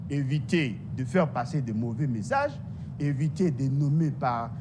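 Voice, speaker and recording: A man's voice: big pitch swings, a little slow. A man from DR Congo with a Congolese French accent, arguing emphatically as a guest in a political debate, repeating his points. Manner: emphatic, repetitive, insistent. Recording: noisy studio audio with rumble.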